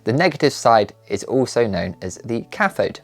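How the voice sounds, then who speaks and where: A man with a mid-range, sing-song voice narrates a maker-channel tutorial from a script at a moderate pace. He works through instructions methodically, step by step, with background music playing.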